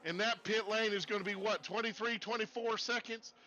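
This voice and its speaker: A man commentating a sim race in a put-on Texas accent, folksy and excitable. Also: high voice, a little fast, slight background noise, poor audio.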